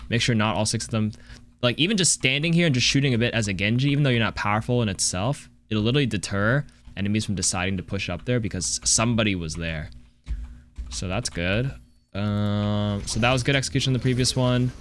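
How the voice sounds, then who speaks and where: A man's voice: lowish voice, quick pace, a bit bright. A man reviewing gameplay as a coach, talking casually in a blunt, analytical and sometimes sweary way. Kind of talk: casual live game review commentary.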